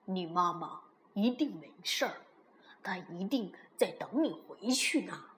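A woman voicing a lonely tyrannosaurus in a children's story, speaking slowly and gently. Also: medium pitch, big pitch swings, slight background noise. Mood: gentle. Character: lonely gruff tyrannosaurus uncle.

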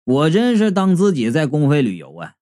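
A man narrating a comic story in the first person, animated and playful. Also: a little high, brisk, no room sound, clean studio sound.

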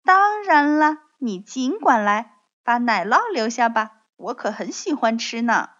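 A woman's voice: on the high side, expressive, measured pace, fairly bright tone. A woman voicing a cheerful, friendly little country mouse that sounds eager and welcoming. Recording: dull lo-fi recording.

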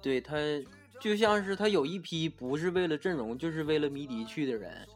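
A man with a Northeastern Mandarin accent chatting casually as a podcast co-host, telling stories with halting restarts. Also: on the high side, expressive. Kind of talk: casual chat.

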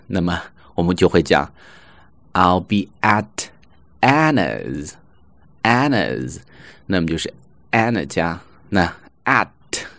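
A man with a very low voice gives a pronunciation lesson and says each example phrase slowly and more than once. The recording is dry and close, with no room sound. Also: no echo. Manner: models English phrases slowly and repeats them. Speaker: English pronunciation teacher. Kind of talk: online language lesson.

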